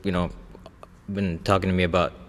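A man hosting a podcast, chatting in a friendly way with lots of fillers, often trailing off softly. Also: sits low, little pitch movement, fairly quick, big-room sound. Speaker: podcast host. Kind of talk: casual podcast chat.

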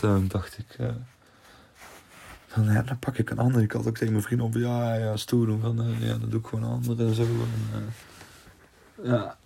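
A man's voice: fairly low pitch, creaky, warm tone, slightly rough. A young man hosting a podcast, telling personal stories casually, rambling and restarting sentences, with casual swearing. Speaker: podcast host.

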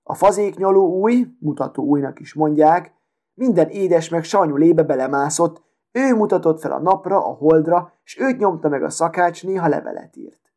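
A man's voice: on the high side, darkish tone, close to an everyday voice. A man voicing a vain, haughty female sewing needle who talks in a proud, affected, self-important way. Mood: boastful.

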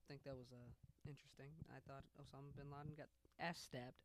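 A man's voice: medium pitch, level tone, fairly quick. A man, co-hosting a casual podcast and talking loosely and profanely. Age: 20s. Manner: loose, profane, laughing often. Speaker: podcast co-host.

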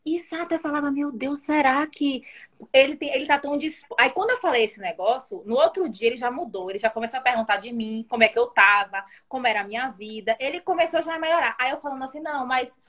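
A woman's voice: fairly high pitch, quick pace, hardly any pauses, fairly bright tone. A woman with a Brazilian Portuguese accent telling a personal story in casual chat, dramatically acting out the dialogue.

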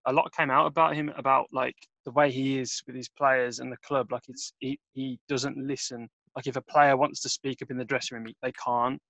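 A man hosting a casual football podcast, relaxed and hesitant with many fillers. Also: mid-range voice, fairly quick, creaky, hardly any pauses, no echo, low-quality recording. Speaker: podcast host.

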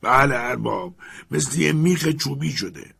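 A man voicing an old male servant who is timid but stubborn, speaking in a high, strained, pleading way. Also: animated, vocal fry, pushed and bright, slightly rough, full character voice. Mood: nervous, pleading.

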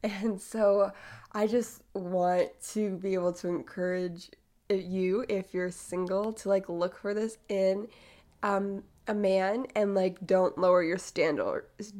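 The eighteen-year-old host talks slowly and steadily in a darkish, mid-range voice. She's congested from a cold, chatting casually through her podcast monologue with lots of fillers.

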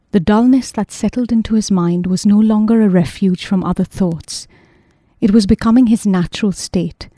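A woman reading an audiobook in a measured, even storytelling voice. Her tone is dark and mellow, and the recording is close and completely dry. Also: medium pitch, no room sound. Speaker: narrator. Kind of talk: audiobook narration.

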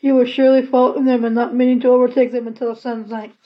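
A woman's voice: fairly high pitch, level tone, very fast. Woman reading a storybook aloud. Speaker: audiobook reader. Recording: slightly dull lo-fi recording.

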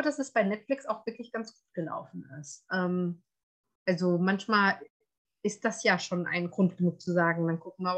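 A woman's voice: mid-range voice, fairly bright tone. A woman co-hosting a podcast, reviewing a series in casual chat, chatty with many fillers. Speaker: podcast co-host.

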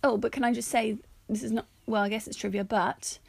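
A woman's voice: fairly high pitch, steady tone, a little fast, vocal fry, husky, no room sound. A woman co-hosting a casual film review chat, talking through her notes with frequent laughter. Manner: chatty, reads out her notes, often laughs. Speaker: podcast co-host.

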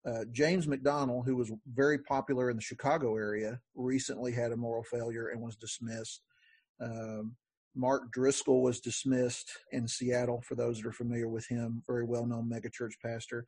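A man hosting a podcast in a relaxed, conversational way, with frequent fillers and restarts. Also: medium pitch, normal speed, husky, no room sound. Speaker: podcast host. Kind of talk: casual podcast talk.

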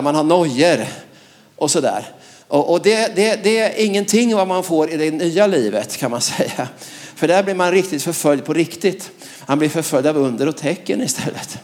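High-voiced preacher, emphatic and lively. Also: male voice. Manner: lively and emphatic, laughs between phrases, frequent "va?". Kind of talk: sermon.

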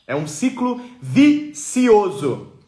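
A woman's voice: medium pitch, big pitch swings, extremely slow, dark tone, echoey room. A woman giving an explanatory motivational talk, emphatic and repeating key phrases. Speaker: motivational speaker.

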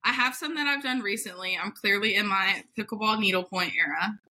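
A woman's voice: mid-range voice, a little fast, sharp tone, slight background noise. A young woman chatting casually and girlishly as a podcast guest, often dropping in "like". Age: young adult. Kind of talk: casual chat.

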